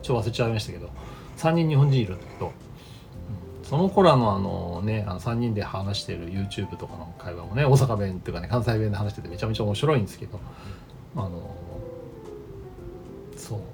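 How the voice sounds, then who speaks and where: A man's voice: fairly low pitch, fairly quick, vocal fry, over music. A man in his fifties chatting casually and at length as host, rambling and often laughing at himself. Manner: rambling, laughs often, self-deprecating asides. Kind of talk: casual solo chat.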